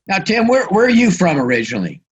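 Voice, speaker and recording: A man co-hosting a radio interview, with a husky voice that moves up and down a lot. He asks his questions in an encouraging, chatty way. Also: sits high, wildly swooping pitch, quick pace, highs cut off. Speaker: co-host interviewer. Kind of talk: casual interview chat.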